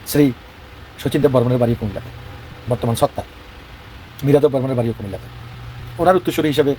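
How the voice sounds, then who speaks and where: A man's voice: mid-range voice, darkish tone, a little hiss or hum. A man from Bangladesh with a Comilla Bengali accent, speaking in an impassioned monologue, rhetorical and combative, asking questions and answering them himself. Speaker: regional advocate.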